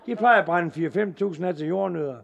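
Brief: male comic storyteller, high voice, punchy, lively. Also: gravelly, highs cut off, a crowd in the background.

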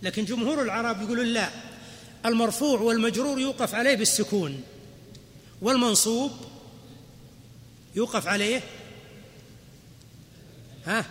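Male sheikh, high bright voice, patient grammar lecture, quizzes class, reverberant hall. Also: moderate pace, long pauses. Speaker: sheikh teaching Arabic grammar. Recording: hall reverb, faint noise.

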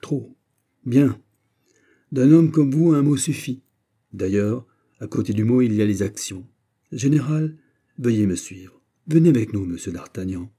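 An exiled young king, calm and commanding, read by a man. The tone is courtly and measured, dark and mellow with a husky edge, like a storybook monarch issuing orders. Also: mid-range voice, pitched above the performer's own voice. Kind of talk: audiobook character reading.

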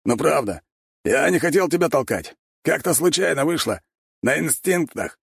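A man's voice: on the high side, expressive, moderate pace, gravelly, husky, no echo, studio quality, pitched above the performer's own voice, heavily acted. A man voicing a brash, arrogant young wolf thug who growls threats in an audiobook. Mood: swaggering.

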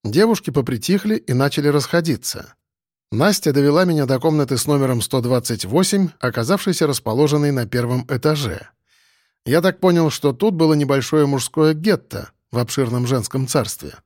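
A man's voice: mid-range voice, expressive, fairly quick, darkish tone, dry recording, clean studio sound. Wry male audiobook narrator. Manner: wry, conversational. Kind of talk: first-person audiobook narration.

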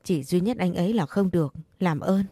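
A woman's voice: fairly low pitch, brisk, warm tone, no echo, soft background music. A woman voicing a heartbroken young woman who pleads and repeats herself through tears. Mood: pleading. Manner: pleading, desperate. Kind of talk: audiobook character reading.

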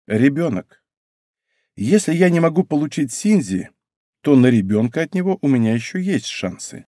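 A man's voice: on the high side, very animated, moderate pace, mellow, no room sound, studio quality. A man voicing an ironic young woman who talks in a wry, teasing way.

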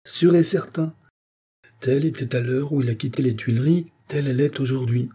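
A man's voice: medium pitch, brisk, dark tone, breathy edge, pitched above the performer's own voice, close to an everyday voice. A man voicing a sick, bitter old male locksmith who grumbles with resentment. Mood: resentful.

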